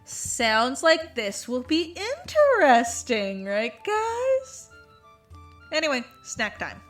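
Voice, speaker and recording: An actress playing a blunt, teasing medical student talking with friends. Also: female voice, high-pitched, huge pitch swings, slow, soft background music, heavily acted. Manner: blunt, teasing, matter-of-fact.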